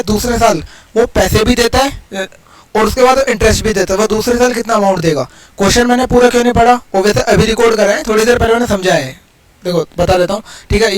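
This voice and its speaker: High-pitched chatty Indian maths teacher. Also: male voice, low-quality recording. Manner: chatty, explains steps aloud, counts digits quickly. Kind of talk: casual exam-prep lesson.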